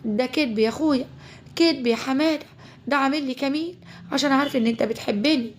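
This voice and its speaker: A woman's voice: high-pitched, fast, slight background noise, close to an everyday voice. A woman voicing a scheming, flirtatious stepmother with an Egyptian Arabic accent. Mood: defensive.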